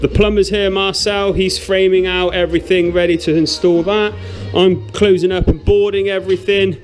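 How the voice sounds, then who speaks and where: A man's voice: sits high, flat delivery, moderate pace, faint music behind. A middle-aged man, chatting casually with dry sarcasm while filming a house renovation. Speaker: renovation vlogger. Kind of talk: casual vlog narration. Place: house under renovation, indoors.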